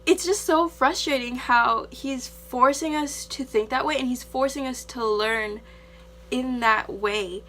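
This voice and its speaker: A young woman with an American accent and a fairly high voice vents in a casual vlog style. She is exasperated and emphatic, chatty and full of "like". There is clear noise and a hum behind her. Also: a little slow, a bit bright. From United States. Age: young adult. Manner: exasperated, emphatic, conversational with frequent 'like'. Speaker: vlogger, exchange student. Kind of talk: casual rant to camera.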